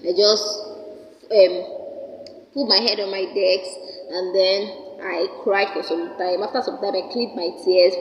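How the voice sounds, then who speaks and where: A woman's voice: a little high, a little hiss or hum. Earnest young woman in a roomy echo. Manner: earnest, repeats words while thinking. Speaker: vlogger. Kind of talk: personal storytelling vlog. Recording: roomy, reverberant, slightly dull sound.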